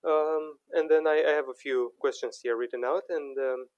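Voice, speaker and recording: A man's voice: on the high side, fairly even intonation, moderate pace, dry recording, lo-fi sound. A young man hosting a podcast interview, speaking with frequent fillers and restarts. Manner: hesitant, many fillers and restarts. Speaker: podcast host.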